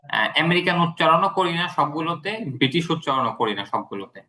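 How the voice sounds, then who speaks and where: A man's voice: fairly high pitch, expressive, fast, sharp tone. A man from Bangladesh tutoring English pronunciation, explaining patiently with many fillers.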